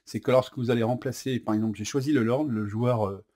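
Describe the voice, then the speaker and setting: A man's voice: mid-range voice, fairly even intonation, fast talker, a little mellow. Chatty French man demoing a board game. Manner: chatty, says "hop" as he flips cards; hesitant, many fillers. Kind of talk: casual unboxing and rules demo.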